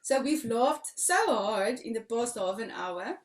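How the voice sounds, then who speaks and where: A woman's voice: on the high side, animated, unhurried, a little mellow, echoey room, recorded from a distance. A woman with an Afrikaans South African accent, hosting a casual interview over a video call in an informal, giggly way. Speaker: interview host.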